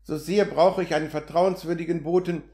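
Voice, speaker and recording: A man reading the lines of an impatient, agitated male land surveyor with sharp, exasperated outbursts, in a roomy recording. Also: fairly high pitch, fairly even intonation, a little fast, natural voice. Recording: roomy echo.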